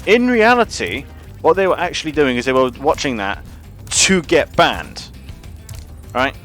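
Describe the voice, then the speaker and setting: A man's voice: fairly high pitch, big pitch swings, a little slow, fairly bright tone, faint music behind. A man ranting casually and profanely on a gaming livestream, rambling with lots of restarts. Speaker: gaming streamer.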